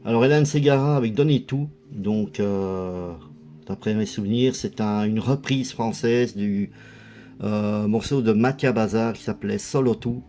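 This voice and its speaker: A man's voice: fairly low pitch, a little slow, mellow, slight background noise. A man casually commenting as a video host, chatty and hesitant, with lots of fillers. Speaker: video host showing a music collection.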